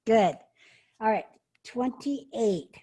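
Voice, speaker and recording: A woman with a fairly high, husky voice coaches casually. Her delivery swings widely in pitch, full of encouraging exclamations, over a video call. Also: lively intonation, drawn-out words, mellow. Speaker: speech workshop coach.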